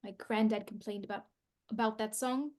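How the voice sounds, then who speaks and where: A woman's voice: mid-range voice, fairly even intonation, normal speed, lightly acted. A woman voicing Donna, a fierce, blunt companion, in a fan audio drama. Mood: chatty. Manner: blunt and combative, shouts when angry.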